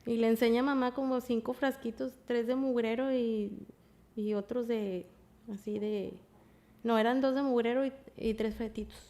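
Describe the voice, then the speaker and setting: A woman, a podcast guest telling a story casually, often trailing off quietly. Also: fairly high pitch, fairly even intonation, normal speed.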